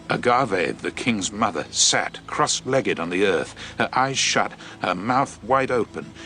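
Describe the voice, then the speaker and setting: A man with a mid-range, sharp, exaggerated voice performs in a radio drama as an ancient Greek messenger, shaken by what he saw. He recounts the horror in a deliberate, intense and theatrical monologue.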